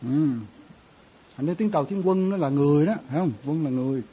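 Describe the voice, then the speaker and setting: Monk giving a chatty dharma talk. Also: male voice, on the high side, quick pace, warm tone, husky. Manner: conversational, quizzing listeners with repeated questions. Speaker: Buddhist monk teacher. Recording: dull lo-fi sound.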